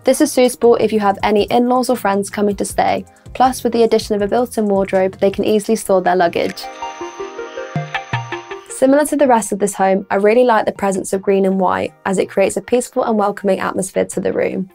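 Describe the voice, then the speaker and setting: A woman's voice: medium pitch, fairly quick, vocal fry, warm tone, faint music behind. A young woman presenting a scripted house tour as a property presenter, with upbeat, complimentary sales patter. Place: indoor rooms of a furnished house. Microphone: lapel mic.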